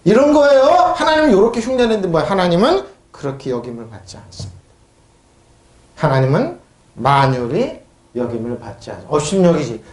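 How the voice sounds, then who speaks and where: The sermon comes from a man whose voice is high-pitched yet darkish in tone, echoing through a church sanctuary. He fires questions at the congregation, answers them himself, and mocks scoffers with a raised voice.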